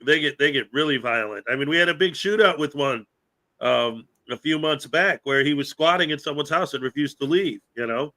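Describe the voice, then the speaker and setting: Bright-voiced man chatting casually. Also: fairly high pitch, a little fast. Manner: rambling, frequent laughter and fillers. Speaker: podcast host. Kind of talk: casual chat.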